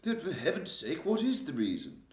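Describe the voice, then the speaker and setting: A man pushes his voice up to play an elderly queen shaken by a nightmare, sounding alarmed and regal. His slightly high, slightly mellow voice swoops wildly in pitch at normal speed, with refined, upper-class exclamations and a roomy echo.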